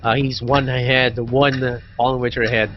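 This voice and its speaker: A man co-casts an esports match live, pausing often and filling the gaps with fillers. His voice comes through muffled, lo-fi stream audio. Loud game music plays underneath. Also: medium pitch, flat delivery. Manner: halting, with many fillers. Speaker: esports caster.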